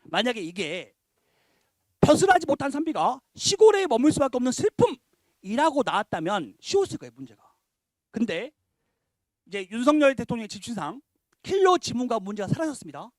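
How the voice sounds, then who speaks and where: A man's voice: very high voice, a little fast, no echo, studio quality. A male language teacher giving an exam prep talk to parents. He asks rhetorical questions and explains terms step by step. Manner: animated, emphatic lecturing.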